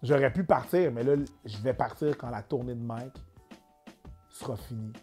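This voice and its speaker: A man's voice: mid-range voice, normal speed, faint music behind. A young man with a Québécois French accent, talking casually as a comedian being interviewed and slipping in English phrases. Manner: relaxed, slips in English phrases. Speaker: comedian guest.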